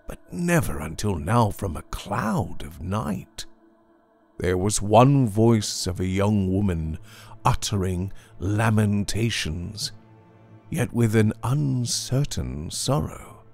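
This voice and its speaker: A man narrating a horror story dramatically and theatrically, dropping at times to hushed whispers. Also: low voice, creaky. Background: faint music score.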